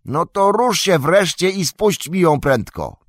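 A man voicing Frodo, a shaken male hobbit shouting up from a rock ledge in a high, strained, loud voice. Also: sing-song, unhurried, no echo, studio quality, full character voice. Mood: impatient. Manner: strained, calling out from below. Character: hobbit man, frightened then recovering, blinded on a ledge.

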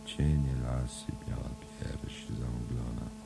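A man voicing a half-asleep drunken young man who murmurs poetry in a muffled voice with drawn-out vowels. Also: rumbling low, huge pitch swings, gravelly, over music, heavily acted. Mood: drowsy.

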